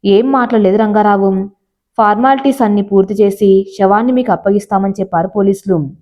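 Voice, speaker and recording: A woman narrating a scripted story in a plain, steady storytelling manner. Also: mid-range voice, a little fast. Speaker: audiobook narrator. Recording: slightly dull lo-fi audio.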